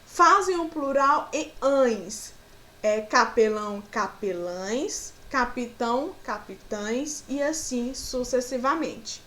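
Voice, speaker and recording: A woman's voice: on the high side, animated, slow, fairly bright tone, slight background noise. A woman with a Brazilian Portuguese accent teaching a grammar lesson to children, patiently walking through example words.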